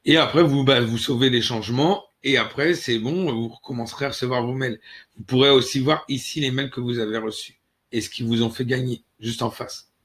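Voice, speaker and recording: A man's voice: mid-range voice, fairly even intonation, brisk, a bit bright. A man hosting an online tutorial channel, speaking casually and directly to the viewer, with frequent hesitations and restarts as he walks through a website. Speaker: channel host. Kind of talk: casual screen-recorded tutorial.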